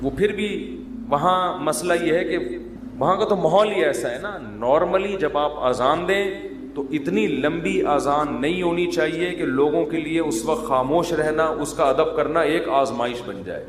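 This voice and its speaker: A man giving a conversational religious talk as an Islamic scholar, mixing humor with teaching and mimicking drawn-out calls to prayer. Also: fairly high pitch, background noise. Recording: echoey hall, faint ambience.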